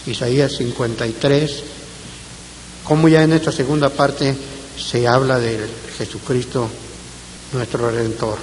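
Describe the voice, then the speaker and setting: Soft-trailing preacher in a reverberant hall. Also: male voice, medium pitch, steady tone. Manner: measured, trails off softly at phrase ends. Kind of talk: Bible-study sermon with scripture reading. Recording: long reverb with faint hiss.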